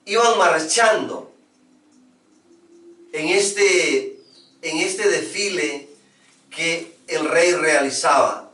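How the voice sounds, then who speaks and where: A man teaching a spiritual lesson through a parable, telling it in a slow, measured way. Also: on the high side, bright, forceful tone. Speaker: esoteric teacher. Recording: echoey room, distant mic.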